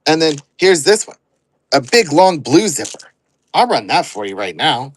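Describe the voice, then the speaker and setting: A man's voice: a little high, big pitch swings, moderate pace, husky, rough recording. A man hosting an online live sale, rambling and joking as he counts out items aloud. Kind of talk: casual live-selling chatter.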